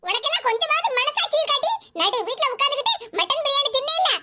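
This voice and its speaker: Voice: very high voice, lively intonation, fast talker. A performer voicing a bitter, grumbling old mother in a cartoon, with a Tirunelveli Tamil accent and a scolding, self-pitying way of talking. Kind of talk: cartoon voice acting. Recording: loud background noise.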